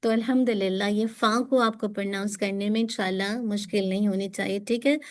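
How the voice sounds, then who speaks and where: A woman's voice: medium pitch, fairly even intonation, a little mellow. Patient woman teacher drilling pronunciation. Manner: patient, encouraging, drills sounds slowly and clearly; switches between Urdu and English explanations. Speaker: Quran recitation teacher. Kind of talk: pronunciation lesson for students.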